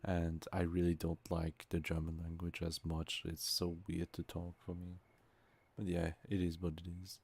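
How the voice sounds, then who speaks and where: Deep-voiced streamer, Turkish native speaker. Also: male voice, moderate pace, gravelly, breathy edge. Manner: relaxed, musing, chatting with viewers. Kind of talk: casual game-stream chat.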